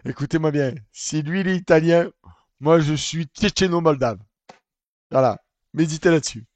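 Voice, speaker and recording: A man hosting comedic reaction commentary, mocking and excitable, swearing freely. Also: on the high side, moderate pace, no room sound. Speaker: host reacting to a video.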